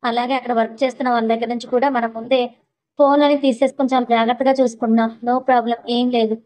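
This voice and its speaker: A woman's voice: a little high, flat delivery, fast, a little mellow, lightly acted, rough recording. A woman voicing an eager, talkative young man who hides a scheme, in a spoken story.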